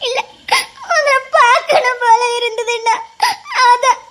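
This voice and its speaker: A young sister with a Tirunelveli Tamil accent, in a very high, tearful voice. She sobs and pleads, her words breaking between crying and laughter. The scene comes from a televised family drama. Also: a little fast, a little hiss or hum. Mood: tearful relief. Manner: sobbing, pleading, breaking into laughter through tears. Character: young sister, long believed orphaned, weeping. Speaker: actor in a TV serial. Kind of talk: TV serial acting.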